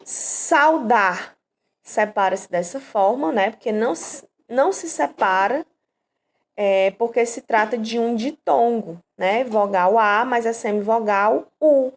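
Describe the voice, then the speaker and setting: Brazilian woman teacher, higher voice, patient step-by-step explainer, frequent check-ins. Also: slow pace. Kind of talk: online grammar lesson.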